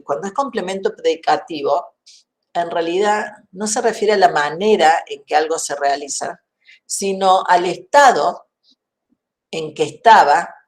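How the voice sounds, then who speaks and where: Low, slow-spoken woman lecturing. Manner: methodical, explains through worked examples; checks understanding with questions. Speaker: grammar lecturer. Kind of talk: university lecture.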